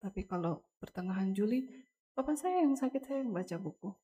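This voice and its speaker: A young woman stands before a congregation at a memorial service and gives a personal testimony. Her voice is husky and mellow, her delivery earnest and halting, and she speaks directly to her listeners. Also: mid-range voice, expressive. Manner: earnest, halting, addresses listeners as Bapak Ibu. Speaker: family member giving a testimony at a memorial service. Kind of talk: emotional spoken testimony to a congregation.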